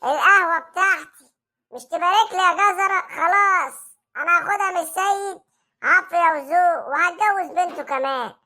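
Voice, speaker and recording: Brief: performer as a cocky cartoon street boss with an Egyptian accent, very high and sharp-toned. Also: brisk, heavily acted. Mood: bossy. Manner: swaggering, ordering others around. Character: bossy male street gang boss, loud and boastful. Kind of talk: comic cartoon acting.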